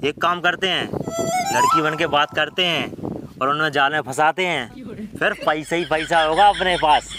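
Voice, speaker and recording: Man as a scheming, higher-voiced young friend. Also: wildly swooping pitch, normal speed, over loud music. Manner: conspiratorial, rustic. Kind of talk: village comedy skit.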